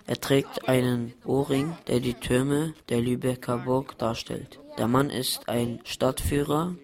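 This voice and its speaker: Man reading a report voice-over. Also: mid-range voice. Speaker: report narrator. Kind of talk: scripted narration.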